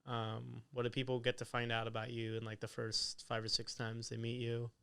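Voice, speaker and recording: Bright, clear-voiced podcast host man. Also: medium pitch, completely flat delivery, moderate pace. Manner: easygoing, asks questions, many fillers. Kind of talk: casual podcast chat.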